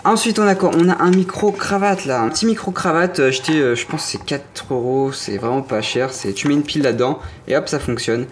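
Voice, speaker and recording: A young man with a French accent, a gaming streamer, gives a casual, rambling tour of his gaming room setup. He talks fairly quickly in a slightly high voice with hardly any pauses, yet hesitates and corrects himself often while playfully and enthusiastically joking about his collectibles, over slight background noise.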